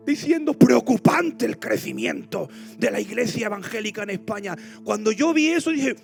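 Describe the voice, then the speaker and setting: A man preaching a passionate sermon, telling stories with loud cries and hushed asides. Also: extremely high pitch, creaky. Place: large church auditorium.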